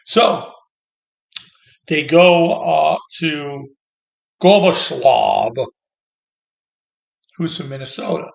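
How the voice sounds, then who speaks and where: Gravelly man ranting in an echoey room. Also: on the high side, drawn-out words, pauses often. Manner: heated, sarcastic, mocking. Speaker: commentator. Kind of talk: political rant.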